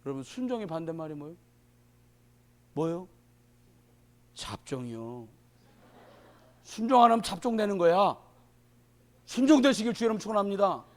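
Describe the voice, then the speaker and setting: A man in his fifties preaching a sermon, swinging from loud declarations to muttered asides as he acts out little scenes. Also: high-pitched, lively intonation, normal speed, long pauses. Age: 50s. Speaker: pastor.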